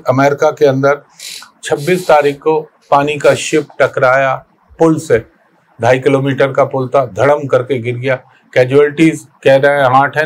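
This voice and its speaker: Emphatic man. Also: mid-range voice. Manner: emphatic, reflective, many pauses and restarts. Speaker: astrologer giving weekly forecast. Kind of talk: spoken weekly forecast monologue.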